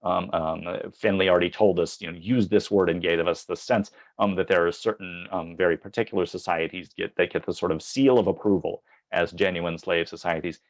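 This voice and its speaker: A man lecturing on history, speaking in a measured way with frequent ums and uhs. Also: low-pitched, fairly even intonation, dull audio. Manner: reads quoted passages from books aloud. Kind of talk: academic lecture.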